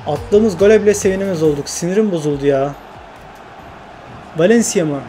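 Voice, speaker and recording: A man narrates his football video game career into a desk mic, cheering and complaining at every chance. His voice sits high for a man. Game music plays clearly behind him. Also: fairly quick. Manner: excitable, swears and grumbles at the game, commentates his own play. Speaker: gaming YouTuber.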